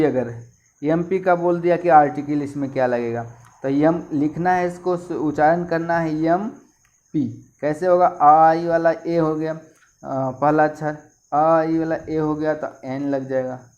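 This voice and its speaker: A man teaching a Hindi lesson on English articles, explaining slowly and repeating each example letter by letter. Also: fairly high pitch, darkish tone. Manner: slow, repetitive explaining, spelling out letters. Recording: dull lo-fi recording.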